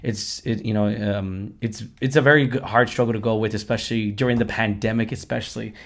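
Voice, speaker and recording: Male review-show host, hoarse and strained from a lost voice, rapid, effusive, chatty. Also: fairly low pitch, fairly even intonation, a bit bright. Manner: effusive, repeats himself. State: hoarse, lost his voice after singing at a concert. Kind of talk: casual film review chat.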